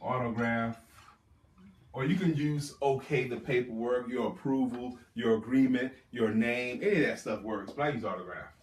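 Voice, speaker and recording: A man's voice: medium pitch, normal speed, echoey room, recorded from a distance, slight background noise. A man giving a motivational sales seminar talk as a trainer, speaking emphatically and repeating key words for stress.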